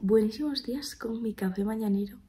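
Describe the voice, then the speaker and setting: A woman's voice: a little high, fairly quick, over loud music. A young woman, chatting sleepily to camera in a casual vlog, telling stories and slipping into whispers. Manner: chatty, animated storytelling, slips into whispers. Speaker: vlogger.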